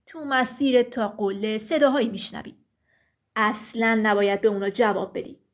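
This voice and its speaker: A woman voicing a huge stone giant who gives slow, solemn warnings in a thick deep voice. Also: fairly even intonation, natural voice. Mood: stern warning.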